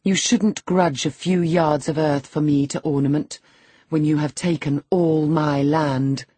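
A narrator voicing a reckless, sharp-tongued young woman, pert and taunting, in an audiobook. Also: mid-range voice, fairly even intonation, unhurried, husky, no echo. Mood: pert, defiant.

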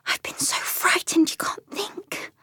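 A woman voicing a small, timid female mole who speaks in a feeble, breathy, plaintive near-whisper as a storybook character. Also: takes it slowly, fairly bright tone, dry recording, clean studio sound. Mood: frightened.

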